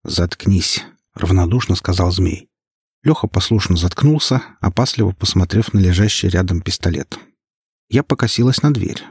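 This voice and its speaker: Deep, husky male audiobook narrator. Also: expressive, moderate pace, darkish tone, no echo, clean studio sound. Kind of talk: scripted narration.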